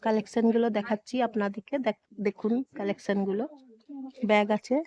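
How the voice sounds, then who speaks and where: A Bengali woman vlogger with a hoarse voice from a cold, chattily showing viewers around a fair hall. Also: medium pitch, flat delivery, fairly quick, darkish tone. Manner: chatty, repeatedly urging viewers to look. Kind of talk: casual walkthrough vlog.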